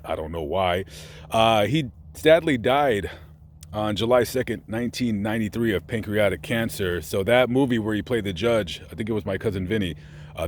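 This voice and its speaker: A man's voice: fairly low pitch, a little hiss or hum. A man chatting casually while visiting a cemetery, meandering with lots of fillers and self-corrections. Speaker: vlogger visiting famous graves. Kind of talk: casual rambling commentary. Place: outdoors at a cemetery.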